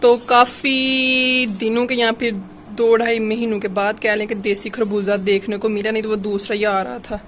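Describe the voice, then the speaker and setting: This young Pakistani family vlogger chats casually through home vlog narration in a sunny courtyard, phone in hand, rambling and filling gaps with "you know." Her pitch is on the high side and fairly bright, her delivery flat at normal speed with hardly any pauses. A slight hiss or hum is audible.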